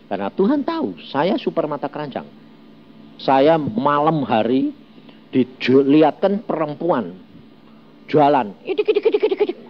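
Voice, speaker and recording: A man preaching a sermon, animated and firing rhetorical questions at the congregation. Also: fairly high pitch, lo-fi sound, slight background noise. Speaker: pastor.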